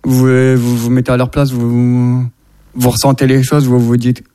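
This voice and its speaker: A man's voice: medium pitch, completely flat delivery, normal speed, mellow. A man speaking earnestly in a casual discussion, urging listeners with repeated phrases. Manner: earnest, exhorting, repetitive phrasing. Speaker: guest speaker.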